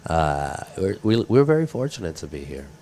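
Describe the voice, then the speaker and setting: A man's voice: sits low, very animated, moderate pace, mellow. A man casually chatting through live commentary as a surf contest announcer.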